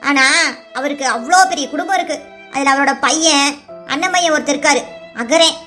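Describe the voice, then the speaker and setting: A woman's voice: high-pitched, fairly quick, bright, forceful tone. A woman voicing a timid young village girl in a cartoon serial, who asks pleading questions in a sing-song voice. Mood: earnest. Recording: music bed under voice.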